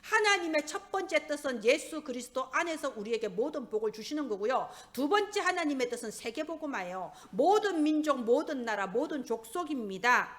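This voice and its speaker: A woman's voice: high-pitched, sing-song, fairly quick, few pauses, a bit bright. A woman pastor preaching a sermon with emphatic, rising and falling stress.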